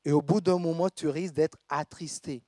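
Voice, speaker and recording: A man's voice: fairly high pitch, steady tone, dark tone, dry recording, clean studio sound. Man preaching. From Togo. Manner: measured preaching with pauses, reads scripture aloud. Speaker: pastor. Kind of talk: sermon. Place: church.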